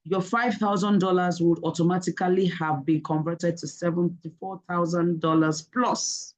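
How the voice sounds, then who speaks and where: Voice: medium pitch, steady tone, normal speed, rough recording. An online webinar presenter talks the audience through a topic one step at a time. The delivery leans on check-ins like "okay?" and the odd filler, in an explanatory, teacherly way.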